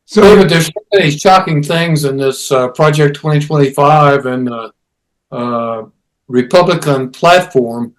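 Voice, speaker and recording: An older man hosting a meeting, speaking hesitantly with many pauses and fillers. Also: fairly high pitch, low-quality recording. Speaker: meeting host.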